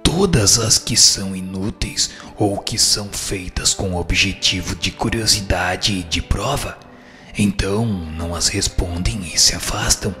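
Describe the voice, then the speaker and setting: Music plays beneath a low, slightly slow, sharp-toned male voice with a Brazilian accent. He performs scripted dialogue as an instructive spirit, wise, firm and solemn, delivering formal, didactic replies.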